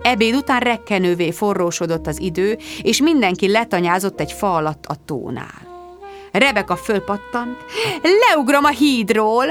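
A woman narrating a novel in the first person with a wry, expressive storytelling manner. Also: lowish voice. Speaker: audiobook narrator.

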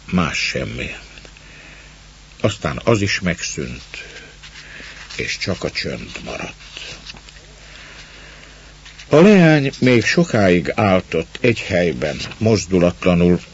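A man reading a story aloud in a measured, scripted narration. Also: deep voice, sing-song, slight background noise. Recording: dull lo-fi recording.

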